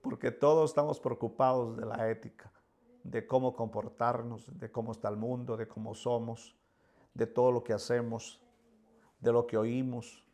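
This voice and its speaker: A man's voice: mid-range voice, fairly even intonation, normal speed, a little mellow. A man preaching a sermon with fervor, voicing pleading prayers and often repeating words.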